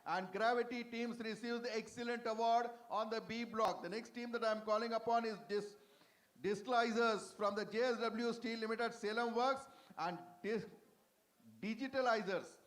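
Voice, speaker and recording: A man's voice: very high-pitched, steady tone, moderate pace, fairly bright tone. A man with an Indian English accent reading out award winners at a convention, stumbling now and then on team names. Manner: plain reading of names, stumbles on hard ones. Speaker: award ceremony announcer. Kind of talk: award announcements. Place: convention hall stage.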